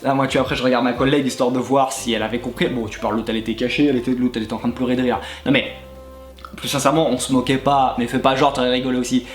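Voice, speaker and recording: A man, a YouTuber and former gym coach, telling crude comic anecdotes straight to the listener, animated and often breaking into laughter. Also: medium pitch, very fast. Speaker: YouTuber recounting his time as a gym coach. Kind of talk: comedic anecdote storytelling to the viewer. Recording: echoey room with faint background music.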